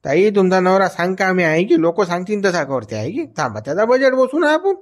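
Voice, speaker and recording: A man's voice: high voice, sing-song, quick pace. A man playing a village police inspector who gives orders and questions a complainant. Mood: questioning. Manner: commanding, questioning, mixing English words. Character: village police inspector, self-important but helpful. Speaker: police officer. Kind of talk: comedy skit acting.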